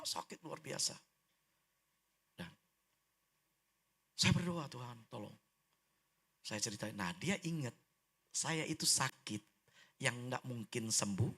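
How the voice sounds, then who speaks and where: A middle-aged man, telling a testimony during a church sermon, lively and humorous, with big swings in pitch. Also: husky. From Indonesia. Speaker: preacher giving testimony. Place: church hall.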